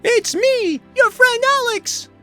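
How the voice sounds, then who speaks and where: A man faking a shrill falsetto damsel in distress. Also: slow pace, pushed and bright, soft background music, heavily acted. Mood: panicked, pleading. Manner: falsetto, melodramatic. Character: fake damsel in distress, young woman, shrill and melodramatic.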